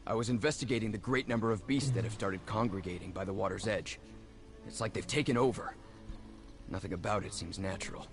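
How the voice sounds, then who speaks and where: An actor playing an indignant, earnest imperial army officer held captive, in fantasy video game dialogue. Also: male voice, fairly low pitch, brisk, faint music behind, natural voice. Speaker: game character.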